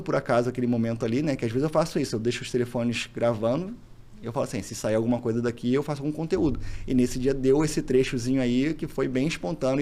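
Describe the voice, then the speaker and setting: A Brazilian man talks quickly in a gravelly voice, chatting casually as an interview guest. He tells his stories with energy and slips into the voices of the people in them. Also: mid-range voice. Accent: Brazilian Portuguese. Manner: animated storyteller, acts out dialogue. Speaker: podcast guest, single father.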